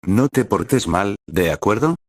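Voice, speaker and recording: A doting young husband who teases and coaxes in an earnest way, as a male narrator reads him. The voice is very deep. The audiobook recording is dry, with no room sound. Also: expressive, unhurried, no echo. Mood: coaxing. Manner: earnest, coaxing.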